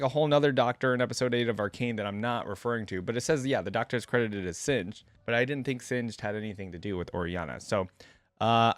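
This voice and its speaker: A man hosts a reaction video, offering casual, musing commentary, talking straight to viewers and partly reading a wiki aloud. His voice is mid-range, with no room sound.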